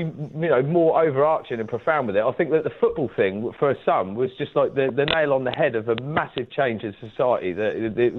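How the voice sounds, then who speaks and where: A man calling a radio phone-in over a Bluetooth phone from a big farmhouse room. His voice echoes, and he talks in a halting, rambling way full of restarts. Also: medium pitch. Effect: echoey sound from a big room. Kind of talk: phone-in call chat. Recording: tinny phone line with room echo.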